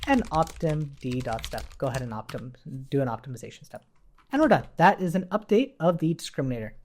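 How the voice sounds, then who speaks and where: Typing as he goes, a programming instructor walks through an informal coding tutorial step by step, dropping rhetorical questions to check in. His voice is on the high side and a little mellow, with slight background noise.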